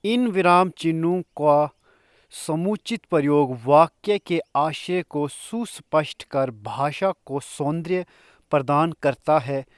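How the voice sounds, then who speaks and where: A man teaching a grammar lesson in a slow, explanatory way, pausing between examples and coughing now and then. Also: on the high side, no room sound, studio quality.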